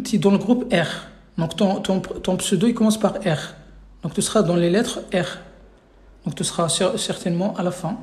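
Man, patient online teacher, higher voice, echoey room. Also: creaky, a little mellow. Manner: patient, repeats each question several times. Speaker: Arabic teacher. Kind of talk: live online class quiz.

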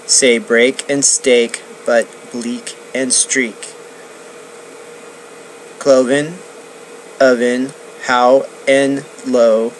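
A student performer carefully reciting a pronunciation drill and then reading a story aloud, with crisp, deliberate diction. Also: medium pitch, slight background noise, poor audio.

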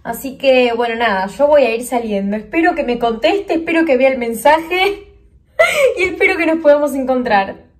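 Talking effusively to her phone camera at arm's length, this Argentine-accented vlogger in her twenties chats in a casual, gushing way. She has a high, lively voice and speaks at a normal speed.

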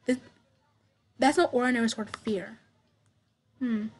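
A young woman streaming a game, reading its dialogue aloud and commenting, stammering and repeating words, with sudden excited bursts. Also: fairly high pitch, measured pace, slight background noise. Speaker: gameplay streamer. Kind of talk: reading visual novel text aloud with commentary.

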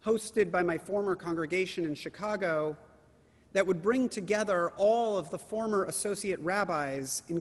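A man with a notably high voice preaches a sermon as a rabbi, in measured phrases, slowing to stress key words. His voice fades into the long reverb of a large hall.

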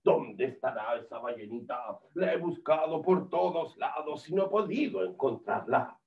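A man playing a gruff, stubborn whale hunter in a children's puppet show, in a blustering manner. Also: a little high, lively intonation, moderate pace, far from the mic. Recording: dull lo-fi recording.

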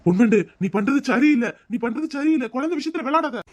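A woman doing a gentle older father-in-law. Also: high-pitched, expressive, fast. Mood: soothing. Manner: soothing, reproachful. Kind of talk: cartoon voice acting.

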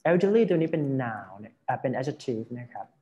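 A man's voice: mid-range voice, sing-song, moderate pace, dark tone, dull audio. A man teaching an English vocabulary lesson, explaining word by word and often checking that his students follow.

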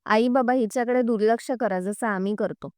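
A woman's voice: a little high, fairly quick, smooth, no room sound, clean studio sound, lightly acted. A woman reading the lines of a firm, devoted young daughter-in-law in a serial recap. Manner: firm, rebuking.

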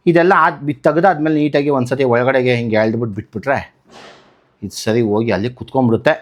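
Here a man from Karnataka, India, medium-pitched and quick, hosts his motovlogging channel. He talks casually through a hands-on tutorial, working through it by posing questions and answering them.

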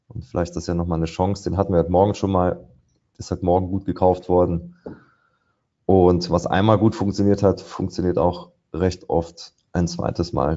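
A man's voice: deep voice, warm tone, dull audio. A man commenting live on market charts as he trades, thinking aloud with many fillers. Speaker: trader presenting a live trading session. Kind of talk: live market commentary over screen share.

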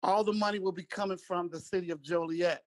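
A man, a city council member, speaking into a meeting over a remote video call whose audio breaks up, talking haltingly and repeating words as he backs a project. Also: high voice, fairly even intonation. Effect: remote video call link, audio breaking up.

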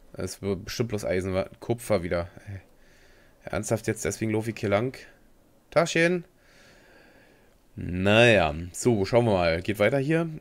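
A young man giving casual, rambling commentary as he plays a game, slangy and talking to himself. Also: mid-range voice. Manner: rambling and slangy, talks to himself while playing. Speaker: gaming video host. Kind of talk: casual let's play commentary.

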